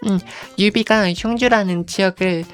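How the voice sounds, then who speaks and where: A woman streaming as a virtual creator, chatting casually and unhurriedly, filling pauses with soft hums and speaking of herself in the third person. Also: mid-range voice, clean tone, faint music behind.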